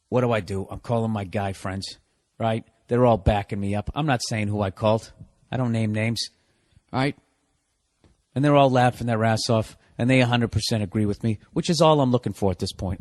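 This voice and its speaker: A man's voice: medium pitch, no room sound. A man hosting a podcast, ranting casually in a profane, exasperated, rambling way. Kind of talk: casual comedic rant.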